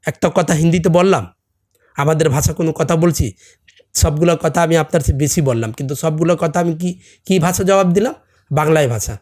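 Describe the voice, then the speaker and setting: A middle-aged salon owner, a native Hindi speaker from a Hindi-speaking camp community, chats casually as a podcast guest with a non-native Bengali accent. His voice is slightly higher, a little mellow, and fairly quick, and he earnestly presses with rhetorical questions like "understand?"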